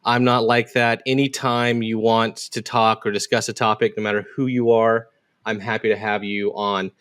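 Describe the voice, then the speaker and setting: A man's voice: lowish voice, flat delivery, a bit bright, clear, resonant tone. A man hosting a casual podcast conversation, sometimes reading written posts aloud at speed. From United States. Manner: reads quoted posts aloud quickly. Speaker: podcast host.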